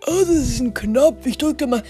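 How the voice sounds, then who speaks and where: A woman's voice: sits high, expressive, warm tone. A woman playing a boastful baby boy. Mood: cheerful. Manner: slow, cheerful and naive. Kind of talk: improvised storytelling podcast. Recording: faint music behind the voice.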